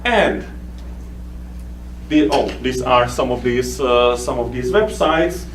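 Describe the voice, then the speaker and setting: A Czech researcher with a Czech accent gives a conference presentation in a conference hall, his mid-range voice halting and full of fillers and restarts. The room is echoey, the mic is distant, and a faint hum runs underneath.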